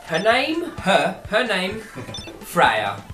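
A man on a podcast telling a story in casual chat, animated and profane, laughing as he goes. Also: high-pitched, drawn-out words, over music. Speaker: podcast co-host.

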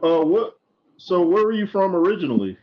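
A man hosting a casual video chat, relaxed and full of fillers like "uh" and "man". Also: high-pitched, fairly quick. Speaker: host. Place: small room indoors. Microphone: video call webcam. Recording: dull lo-fi call audio.

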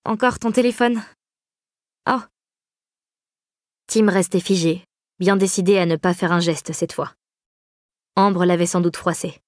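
An audiobook narrator reads a novel aloud in scripted narration, her storytelling measured and even. Her voice sits on the low side, and the recording is dry with clean studio sound.

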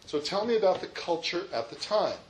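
A man's voice: high voice, big pitch swings, brisk, slight background noise, poor audio. A man giving a classroom history lecture in an emphatic way, often asking his listeners rhetorical questions. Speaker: history teacher.

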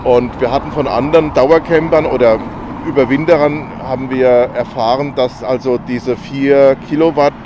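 An older man tells a travel story in easy, rambling chat, pausing on little fillers. He is outdoors on a bridge, filmed at arm's length. Traffic and street noise come through clearly. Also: mid-range voice, fairly even intonation, muffled recording. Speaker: travel vlogger. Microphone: selfie camera at arm's length.

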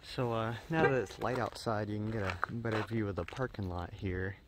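Filming his own casual vlog outdoors at a wintry forest campsite, a young man talks through his solo camping trip amid heavy noise. His voice sits on the low side and runs at normal speed. The delivery is easygoing and meandering, packed with "uh" fillers.

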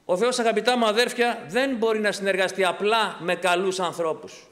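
A man with a notably high voice preaches with fervour, posing questions to his congregation and answering them. His words ring out with a long reverb from the church hall around him. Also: steady tone, a bit bright. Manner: impassioned preaching with rhetorical questions. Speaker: pastor. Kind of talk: sermon.

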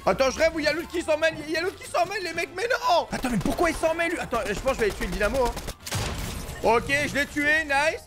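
High-voiced excitable young gaming man. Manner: animated, slangy, keeps saying "gros" and "mec". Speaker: gaming YouTuber. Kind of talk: excited Fortnite gameplay commentary.

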